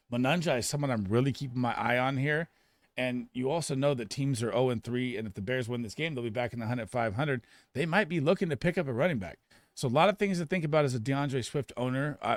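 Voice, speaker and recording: A man giving casual fantasy football start and sit analysis in an emphatic, rapid way, often restarting his sentences. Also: medium pitch, dry recording, clean studio sound.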